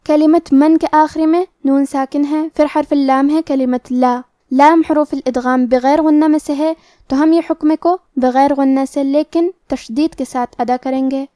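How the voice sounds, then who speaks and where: A woman teaching a recitation lesson, explaining each rule and then reciting the words slowly and drawn out. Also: high-pitched, steady tone, warm tone, dry recording, clean studio sound. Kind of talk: tajweed lesson.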